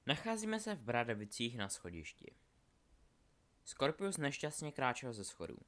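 A man narrating a storybook aloud in an expressive reading style. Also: medium pitch. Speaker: audiobook narrator.

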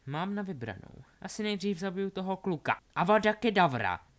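A man's voice: high voice, expressive, voice pushed up. A man voicing a cold, scheming young witch who taunts and mocks her enemy, read aloud as a storybook character. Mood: mocking. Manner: taunting, ironic.

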